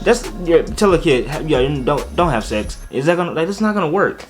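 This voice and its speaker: A young man vlogging his opinions in a blunt, animated way, with swearing and sudden outbursts. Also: on the high side, brisk, over music. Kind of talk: opinion rant to camera.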